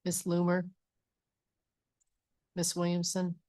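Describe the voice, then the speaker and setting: A woman clerk calling the roll at a public board meeting, in a flat, even way. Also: on the low side, slow.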